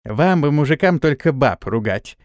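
A man voicing a blunt, sharp-tongued female servant who scolds and lectures, in a raised voice. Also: fairly high pitch, animated, normal speed, dry recording, clean studio sound, close to an everyday voice. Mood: lecturing. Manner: scolding, preachy.

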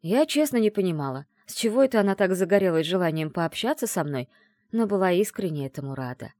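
A woman narrating a first-person fantasy audiobook, her pitch rising and falling with lively expression. The recording is dry and close, with no room around her voice. She tells the story with steady, engaged storytelling. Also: fast talker, dry recording. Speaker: audiobook reader.

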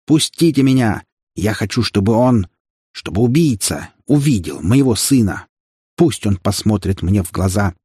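A man voicing a grief-stricken mother who screams accusations in a shrill, squealing voice. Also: lively intonation, normal speed, mellow, breathy edge, no echo, clean studio sound. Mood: defiant. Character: grieving mother, shrieking accusations, middle-aged.

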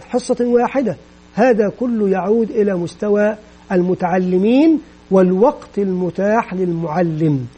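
A man giving an educational lecture on teaching methods, measured and explanatory, often repeating phrases for emphasis. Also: sits high, mellow, slightly rough, rough recording.

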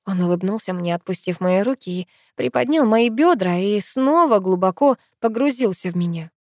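A woman reading a first-person romance audiobook with intimate, expressive narration. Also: mid-range voice, normal speed, dry recording, clean studio sound.

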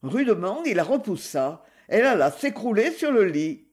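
A woman narrating a crime novel as an audiobook, in steady storytelling. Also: mid-range voice, normal speed, slightly rough.

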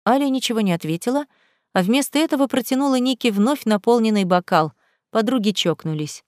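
A woman's voice: a little high, lively intonation, fairly quick, darkish tone, no room sound, studio quality. A woman reading a novel aloud as narrator, telling the story steadily and evenly. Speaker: audiobook reader. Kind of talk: scripted narration.

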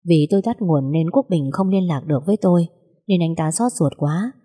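A woman narrating a first-person story in an even, plain reading voice. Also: on the low side, fairly quick, breathy edge.

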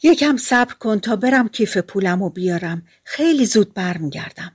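A woman's voice: mid-range voice, expressive, a little mellow, slightly rough, no echo, studio quality. A woman voicing an earnest, gullible peasant housewife in a storybook fairy tale, speaking eagerly.

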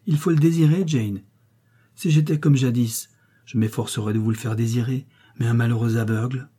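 Man voicing a blind brooding older man, emphatic, very dark mellow tone, husky. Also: medium pitch, steady tone, moderate pace, lightly acted. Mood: pleading.

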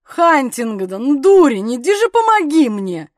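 A woman reading an audiobook voices a drunken, brutish gentleman who shouts and blusters at his wife. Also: high-pitched, normal speed, no room sound, studio quality, natural voice. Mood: drunk bullying. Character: drunken brutish English gentleman husband, bullying.

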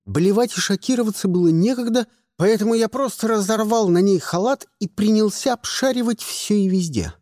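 A man narrating a first-person action story in a wry, expressive reading style. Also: high-pitched, moderate pace, few pauses, no echo, clean studio sound. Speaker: audiobook narrator.

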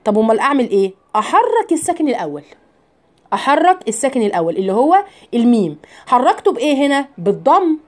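Egyptian woman, Quran recitation teacher, mellow low-bright tone, slightly high voice, earnest drills. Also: big pitch swings. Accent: Egyptian Arabic. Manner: earnest, stresses vowel drills by repetition; slow, drawn-out Quranic recitation between explanations. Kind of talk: online tajweed lesson.

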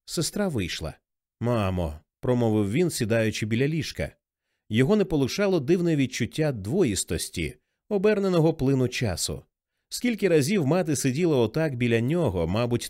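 Lively male audiobook narrator. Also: mid-range voice, no echo, clean studio sound. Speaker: audiobook reader. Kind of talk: expressive novel narration.

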